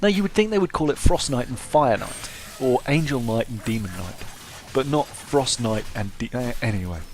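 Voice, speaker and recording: A man offers casual playthrough commentary, wry and self-deprecating in his humour. His mid-range voice is expressive and darkish, at a normal speed, with faint background noise on the recording.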